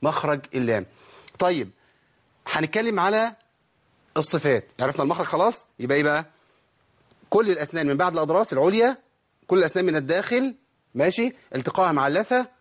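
A man's voice: fairly high pitch, animated, rapid-fire, long pauses. A man with an Egyptian accent teaching a tajweed lesson, asking his listeners questions and demonstrating each sound. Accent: Egyptian Arabic. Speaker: Quran recitation teacher.

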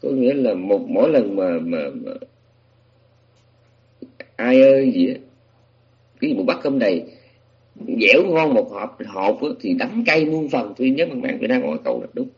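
A man's voice: medium pitch, lively intonation, normal speed, gravelly, long pauses, slightly rough, lo-fi sound. A man giving a Buddhist sutra lecture, explaining patiently with many restarts and fillers. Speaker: Buddhist teacher.

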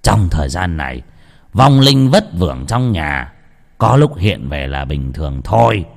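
A man voicing an old village shaman who gives stern, gruff orders slowly. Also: low voice, sing-song, voice pushed down, heavily acted. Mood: solemn. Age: older. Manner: slow, stern, gruff commands. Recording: long reverb.

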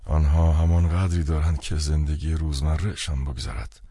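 Man reading as a stern older father, slow, preachy, very low voice, dry recording. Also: fairly even intonation, warm tone, breathy edge, no room sound, heavily acted. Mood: lecturing.

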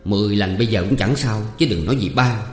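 A man's voice: lowish voice, fast talker, darkish tone, lightly acted. A man reading as an eager young landowner's son. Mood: pushy. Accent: Southern Vietnamese. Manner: coaxing, teasing. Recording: roomy reverb, faint music.

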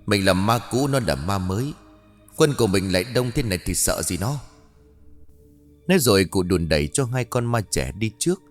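Low-voiced male storyteller, animated delivery, ghost story audiobook, quiet music under. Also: moderate pace. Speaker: narrator. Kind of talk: scripted ghost story narration.

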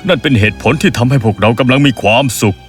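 A man's voice: mid-range voice, lively intonation, racing, soft background music, natural voice. A man voicing an eager male townsman telling news in a storybook tale. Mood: excited.

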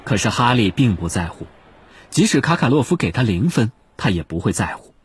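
A man reads a novel aloud as narrator. His voice sits low. He tells the story expressively, with a lively, varied pitch. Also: fairly quick, slight background noise. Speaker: audiobook narrator. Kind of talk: scripted narration.

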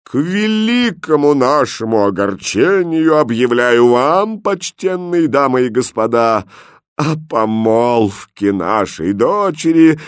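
A man's voice: medium pitch, fairly bright tone, no room sound, clean studio sound. A man reading aloud and voicing a weak-willed, whining old king in a fairy tale. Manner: whining, moaning, flustered.

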